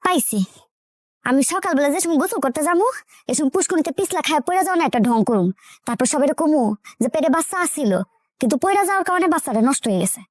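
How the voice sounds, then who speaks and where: A chatty young village wife. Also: female voice, sits high, quick pace, no echo, clean studio sound. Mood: coaxing. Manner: chatty, lively and scheming.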